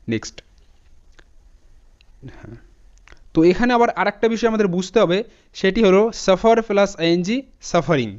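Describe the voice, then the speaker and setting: A man teaching an English spelling lesson, spelling words out letter by letter in a steady explaining manner. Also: sits high. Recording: dull lo-fi audio.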